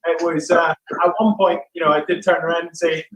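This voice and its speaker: A man with a higher voice rattling off a wry anecdote at a quick clip. The room is echoey, with a faint hiss behind him. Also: level tone. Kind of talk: casual anecdote.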